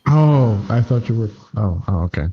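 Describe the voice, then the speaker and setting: A man's voice: fairly low pitch, lively intonation, normal speed. A man playing in a tabletop game, chatting in casual, joking banter. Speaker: player. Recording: muffled, noisy mic with clicks.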